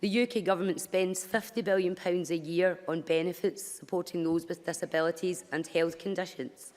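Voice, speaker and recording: Woman MP, low and a bit croaky, firm argumentative speech, chamber reverb. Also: steady tone, normal speed, a little mellow. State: slightly croaky voice. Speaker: member of parliament. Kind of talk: parliamentary speech. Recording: long reverb of a debating chamber.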